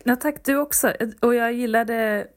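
A woman with a Stockholm accent co-hosting a podcast in casual banter, chiming in with short, wry remarks. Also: a little high. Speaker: podcast co-host.

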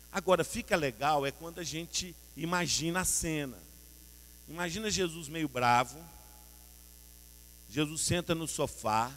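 This sermon comes from a Brazilian man whose voice is on the high side, with a long reverb tail trailing his words. Speaking with a Brazilian Portuguese accent, he narrates in a lively, colloquial style, frequently turning to address the audience.

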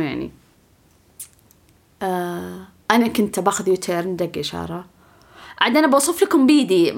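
A young woman telling a story on her podcast in a casual, animated, self-mocking way, often laughing. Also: mid-range voice, gravelly. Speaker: podcast host.

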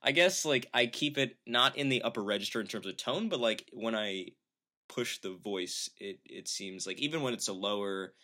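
Guy cohosting a comedy podcast, bright voice, rambly and laughy. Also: lowish voice, moderate pace. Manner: rambling, many fillers, laughs while talking. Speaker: podcast co-host. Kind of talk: casual comedy chat.

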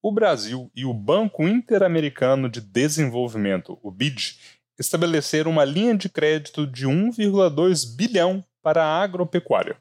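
A man co-hosting a news podcast, reading scripted news with relaxed, chatty asides to listeners. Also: a little high, moderate pace, no room sound, clean studio sound.

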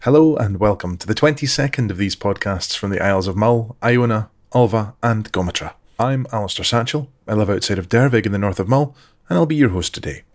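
A man hosting an interview podcast, reading a measured scripted introduction and asking questions. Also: fairly low pitch. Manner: measured, reads sponsor details slowly and clearly. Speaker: podcast host.

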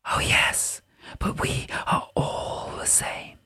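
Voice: slow pace, bright, forceful tone, no echo, studio quality. A narrator whispering as a tiny tinkling spirit. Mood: amused. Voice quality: breathy whisper. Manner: wry, amused.

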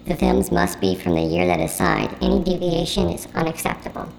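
A woman plays a cold, literal-minded computer program with a very low, gravelly voice. It talks in flat, formal sentences with no warmth at all. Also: a little fast, heavily acted, low-quality recording. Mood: officious.

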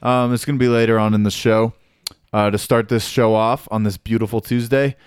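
A man's voice: medium pitch, little pitch movement, fairly quick, smooth, no room sound, studio quality. A young man hosting a casual sports podcast, joking and teasing his co-hosts. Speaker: podcast host. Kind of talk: casual chat.

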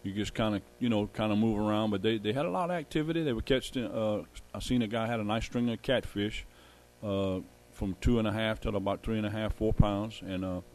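Man, lowish voice, folksy casual radio co-host. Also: a little fast, hardly any pauses, a little mellow. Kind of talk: casual fishing report chat. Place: radio studio.

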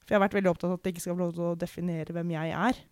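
A young woman from Norway giving a candid, reflective personal account in conversation, pausing and restarting often. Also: fairly low pitch, fairly even intonation, darkish tone, smooth, no echo, studio quality. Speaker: podcast guest.

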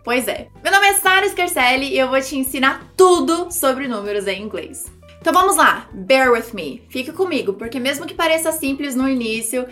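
A woman English teacher in a video lesson, lively and demonstrative, sounding out each word for her students. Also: high-pitched, moderate pace, faint music behind.

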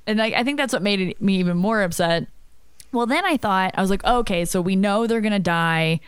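Woman co-host, casual movie talk, smooth voice, dry close sound, lively storyteller who laughs easily. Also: medium pitch, fairly quick, no room sound. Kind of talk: casual movie review chat.

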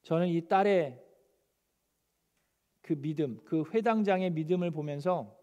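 A male pastor preaching a sermon, animated and acting out the scripture quotes. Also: on the high side, a little slow. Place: church sanctuary. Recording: long church hall reverb.

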